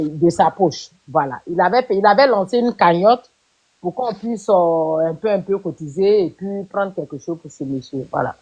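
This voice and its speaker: A woman on a live-stream panel, recounting events at length in a measured way with hesitations. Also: fairly low pitch, a little mellow, husky, dull audio.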